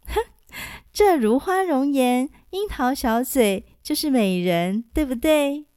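A woman's voice: sits high, expressive, slow, a little mellow, clear, resonant tone, dry recording, studio quality. A woman voicing a clever, playful teenage girl cook who teases and coaxes as she gives hints. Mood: coaxing. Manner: teasing, coaxing.

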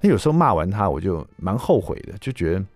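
A man in his thirties hosting a radio talk show, telling a story casually in an animated way, with a loud, ringing voice. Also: low voice, quick pace, no room sound. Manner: animated, acts out the quotes he tells, with a loud, ringing voice. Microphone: studio mic.

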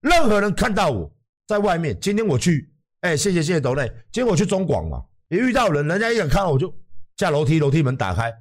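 A blunt man with a Taiwanese Mandarin accent hosts a livestream, his voice sitting a little high for a man. He swings his pitch up and down a lot and swears freely while he lectures his viewers. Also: sing-song, fast talker. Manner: blunt, emphatic, swears freely, acts out quotes. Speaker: livestream host.

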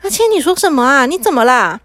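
A woman's voice: sits high, lively intonation, brisk, a bit bright, no room sound, studio quality, pitched above the performer's own voice. Woman doing a worried fussing mother. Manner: anxious, questioning.

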